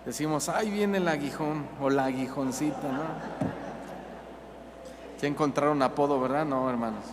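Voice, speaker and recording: A man's voice: on the high side, moderate pace, background noise. A man with a Mexican accent preaching a sermon, chatting with the congregation, asking questions and mimicking people. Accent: Mexican Spanish. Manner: conversational, asks the congregation questions, mocking mimicry. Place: church hall. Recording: long hall reverb, faint ambience.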